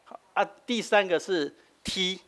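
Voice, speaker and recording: Preaching in an explanatory style, this middle-aged man with a Taiwanese accent mixes Taiwanese and Mandarin and ends phrases with a frequent filler "hah." His voice sits high and sounds pushed and bright, moving at normal speed.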